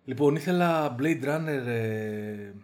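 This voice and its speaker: Chatty man with an animated, slangy delivery. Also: mid-range voice. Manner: animated, slangy, lots of fillers. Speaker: podcast co-host. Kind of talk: casual chat.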